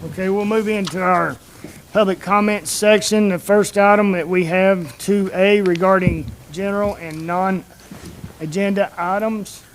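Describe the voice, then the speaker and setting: A man with a high-pitched voice runs a formal public meeting. He is courteous and procedural as he moves through business. There is faint noise in the recording. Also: steady tone, a little slow. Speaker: meeting chair. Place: indoor commission meeting room.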